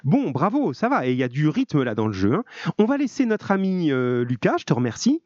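A man's voice: a little high, wildly swooping pitch, a little fast, a little mellow, no echo, highs cut off. A male French teacher running a live call-in lesson with his students, speaking in a friendly, informal and encouraging way. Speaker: middle-school French teacher.

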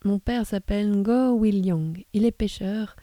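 Woman doing a slow 11yo schoolboy in a storybook, dry close sound. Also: mid-range voice, mellow, no room sound, natural voice. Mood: earnest. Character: eleven-year-old schoolboy, fisherman's son.

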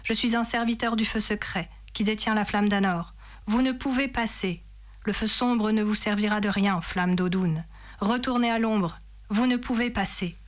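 A woman's voice: mid-range voice, moderate pace, natural voice. A woman voicing an old male wizard who holds a bridge against a demon, speaking in a commanding, declaiming way.

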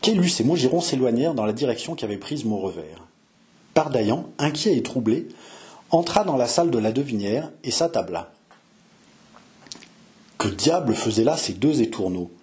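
A man's voice: medium pitch, animated, normal speed, long pauses, a little mellow. Man reading a historical novel aloud. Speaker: audiobook reader.

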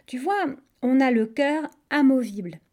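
A woman voicing a clever, quick-thinking male monkey in a storybook reading. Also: sits high, animated, mellow, pitched above the performer's own voice. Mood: breezy. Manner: breezy, casual, mocking.

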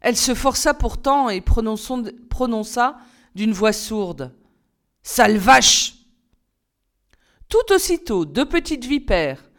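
A woman narrating a children's story in a clear, measured reading voice. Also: a little high. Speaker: reader.

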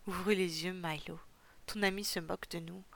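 A woman's voice: fairly low pitch, fairly even intonation, normal speed, gravelly, a bit bright, a little hiss or hum. A woman voicing a blunt, scornful young woman. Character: fierce proud young woman, blunt and quick-tempered.

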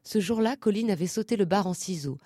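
A woman narrating a literary story, reading short phrases in a measured, rhythmic way. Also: medium pitch, expressive, warm tone, no room sound, studio quality. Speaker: audiobook narrator.

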